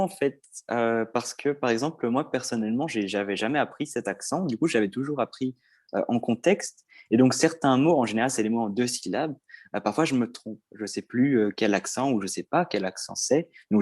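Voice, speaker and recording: A man's voice: mid-range voice, a little mellow, no room sound. A man co-hosting a casual podcast, explaining things step by step with frequent hesitations. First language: not stated. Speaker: podcast co-host.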